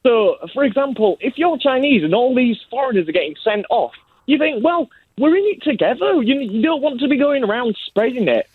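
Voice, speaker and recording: Male Yorkshire radio show caller, high animated voice, cheerful and blunt, tinny phone sound. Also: a little fast, slightly rough, no room sound. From Leeds, England. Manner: cheerful, blunt storytelling with acted-out quotes. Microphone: phone call. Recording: tinny narrow phone line.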